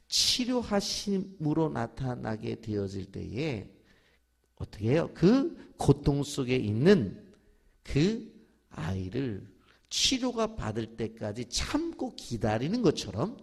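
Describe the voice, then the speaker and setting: Male pastor, middle-aged, husky lively sermon delivery with call-and-response. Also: medium pitch. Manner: preaching with call-and-response to the congregation; acts out quoted voices of children and parents. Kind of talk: dawn prayer sermon.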